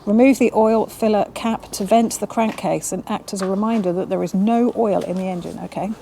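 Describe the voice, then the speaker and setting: A woman's voice: medium pitch, fairly even intonation, brisk, creaky, mellow, a little hiss or hum. A woman vlogging as she works on her motorbike in a home garage, chatty and self-mocking, reading instructions aloud. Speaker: motovlogger. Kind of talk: casual chat while working on a motorbike.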